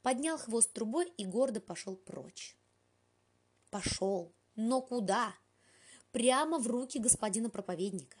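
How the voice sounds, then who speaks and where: A woman's voice: fairly high pitch, lively intonation, measured pace, slightly rough. A woman reading an audiobook aloud, telling the story in a dry, ironic first-person way. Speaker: audiobook reader. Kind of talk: audiobook narration.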